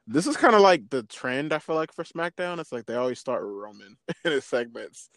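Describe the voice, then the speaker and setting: A man's voice: medium pitch, very animated, brisk, dry recording. A man co-hosting a podcast, chatting casually in slang and laughing often. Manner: laid-back slang, laughs often, acts out wrestlers' lines. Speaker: podcast co-host. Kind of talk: casual wrestling chat.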